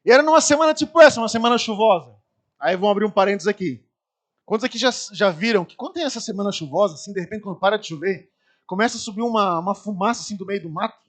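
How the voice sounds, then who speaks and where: Brazilian pastor, very high male voice, animated storyteller who acts out scenes from the pulpit. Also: racing. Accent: Brazilian Portuguese. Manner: lively anecdotes, acts out screaming people. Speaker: preacher. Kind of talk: storytelling sermon.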